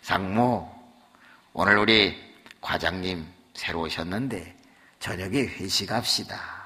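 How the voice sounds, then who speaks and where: A deep, hearty older company chairman , as a male preacher plays him with a slow, commanding delivery. His low voice carries a long church reverb. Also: pushed and bright, heavily acted. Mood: jovial.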